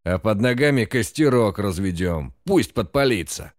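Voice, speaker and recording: A man voicing a drunk, brutal man leading a lynch mob, shouting and cursing in a menacing way. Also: fairly low pitch, animated, a little slow, dry recording, studio quality. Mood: furious. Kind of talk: audiobook character voice.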